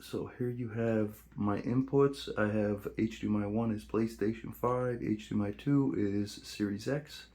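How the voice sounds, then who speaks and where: A man's voice: lowish voice, steady tone, unhurried, hardly any pauses, dark tone. A man hosting a casual video, walking viewers through settings step by step. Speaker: video host.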